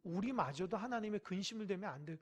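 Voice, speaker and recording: Pastor, midweek sermon, church sanctuary, emphatic, loud exhortation and hushed asides, direct questions to the congregation. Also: medium pitch, animated, fast talker, slightly rough, dull audio.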